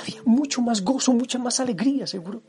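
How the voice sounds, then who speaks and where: Fervent middle-aged priest preaching over music. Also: male voice, very high voice, fast talker. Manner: fervent preaching that drops to hushed, near-whispered passages. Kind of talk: devotional sermon. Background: soft music backing.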